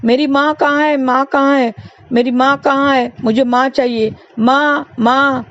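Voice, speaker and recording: A stubborn little boy in a storytelling voice, as a woman puts him on, pitched up and pleading, repeating his demands again and again. The recording sounds dull and lo-fi. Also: fairly even intonation, normal speed, slight background noise, lightly acted. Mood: crying. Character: small boy, stubborn and whining for his mother.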